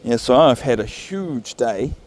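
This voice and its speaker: Male vlogger, New Zealand accent, mid-pitched, casual and musing, thinks aloud in an unhurried ramble. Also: lively intonation, a little mellow, slight background noise. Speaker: vlogger walking his dog. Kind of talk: casual rambling vlog narration. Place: outdoors, walking along a path. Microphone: phone recording while walking.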